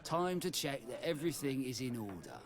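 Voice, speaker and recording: A man's voice: mid-range voice, expressive, a little fast, crowd noise, natural voice. A man playing an aggrieved tavern keeper in a video game, formal and complaining. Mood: exasperated. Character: aggrieved male tavern keeper, exasperated merchant. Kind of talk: video game character acting.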